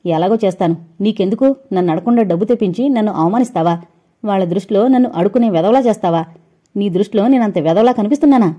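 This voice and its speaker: A woman's voice: medium pitch, racing, husky, close to an everyday voice. Woman reading an enraged proud husband. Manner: shouting angry demands. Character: enraged young husband, proud and hot-tempered. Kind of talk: audio novel reading.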